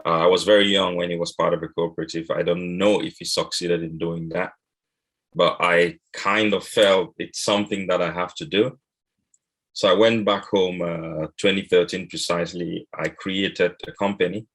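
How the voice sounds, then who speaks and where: A man from Cameroon speaking on an online panel, measured and pausing often with "uh". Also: deep voice, fairly even intonation, a bit bright. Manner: measured, with frequent "uh" pauses. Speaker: cocoa and coffee exporter.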